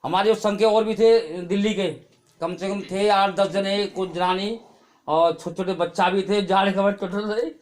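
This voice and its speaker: High-voiced man telling a church testimony. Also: fairly even intonation, normal speed. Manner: chatty storytelling with frequent "hai na" tags. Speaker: church member giving testimony. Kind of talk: spoken testimony at a prayer meeting.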